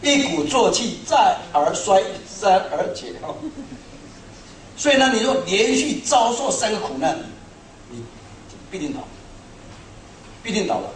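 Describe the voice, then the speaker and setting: A middle-aged man preaching a sermon to a congregation, telling stories in an animated, self-mocking way. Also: high-pitched, unhurried, long pauses, a little hiss or hum. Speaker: pastor. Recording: echoey hall, speaker far from mic.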